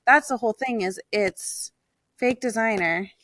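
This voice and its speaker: A young woman co-hosts a relaxed podcast conversation. She talks in an easy, chatty way with emphatic reactions, and the sound is close and dry with no room around it. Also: a little high, measured pace, dry recording. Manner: chatty, laughs easily, emphatic. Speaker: podcast co-host. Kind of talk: casual chat.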